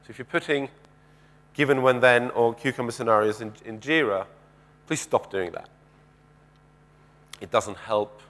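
A man in his thirties delivers a keynote on a big conference stage through a headset mic, pacing and gesturing as he goes. His mid-range voice is a bit bright and unhurried, with long pauses. He keeps it conversational, putting questions to the audience and often restarting sentences.

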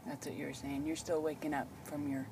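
Sitting in a parked car, a caregiver films a patient and chats casually, explaining things simply and reassuringly. Her voice is deep and level, and she talks a little fast, with clear noise in the in-car recording.

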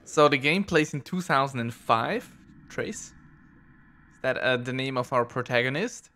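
A man's voice: mid-range voice, expressive, normal speed, bright, forceful tone. A man giving casual commentary on a first playthrough, rambling and self-deprecating as he reads on-screen text aloud. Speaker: let's play gamer.

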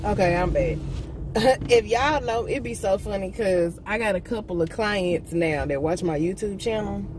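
A young entrepreneur vlogs from a parked car after dark, her medium-pitched voice moving at a moderate pace through a blunt, animated, profanity-laced rant to viewers. The audio comes from a dashboard phone camera and carries clear interior car noise.

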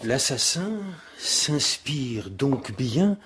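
An actor playing a solemn, easily needled Elizabethan scholar and astrologer in a radio drama, measured in manner. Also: male voice, medium pitch, very animated, a bit bright, slight background noise, full character voice. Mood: grave. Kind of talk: French radio drama acting.

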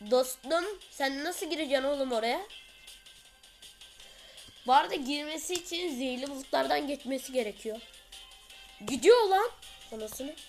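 A high-pitched woman gives lively gameplay commentary. She is excitable and chatty, throws out sudden exclamations, and keeps addressing her viewers. Soft music plays faintly underneath. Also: moderate pace, long pauses. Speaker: gaming channel host.

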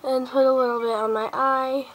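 A sick, sniffly teenage girl chats casually as a beauty vlogger, walking through her makeup routine step by step while she applies it in her small bedroom. Her voice sits high, with a level tone and a moderate pace. It's caught close up on a handheld device camera, a lo-fi mic with faint background noise.

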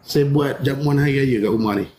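A man's voice: fairly quick, slight background noise. A man, a spiritual healer telling a story in casual live-stream chat and acting out the dialogue with big jumps in his voice. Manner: animated, acts out dialogue with big pitch jumps.

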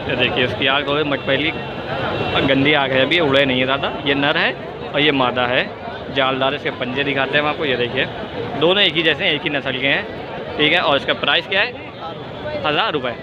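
A man with a Lucknow Hindi accent chats to his viewers as he walks through a crowded outdoor pigeon market, speaking into a phone held close. The sound is dull and lo-fi, with loud crowd and traffic noise behind him. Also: medium pitch, fairly even intonation, a little fast. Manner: chatty, keeps addressing viewers as friends. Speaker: vlogger showing pigeons at a market. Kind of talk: handheld market walkthrough commentary. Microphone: phone camera held close.

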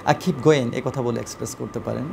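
Male English teacher, mid-pitched voice, slows down to spell out phrases, hesitant "uh" fillers, faint hiss in the background. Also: steady tone, gravelly. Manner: slow, deliberate reading of example phrases with frequent "uh" fillers. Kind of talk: spoken English lesson.

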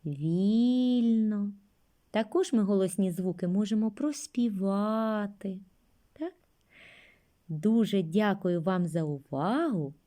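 A woman teaching young children a speech lesson, speaking gently and drawing out words for them. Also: mid-range voice, expressive, slow pace. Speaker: kindergarten teacher.

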